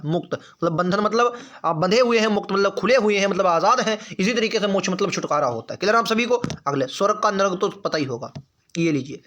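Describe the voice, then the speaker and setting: A man with a high, forceful voice leads an online exam-prep lesson. He is chummy with his viewers and calls them friends and brother. He says each answer over and over and keeps asking his students what the right word is. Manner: repeats answers and quizzes students with rhetorical questions.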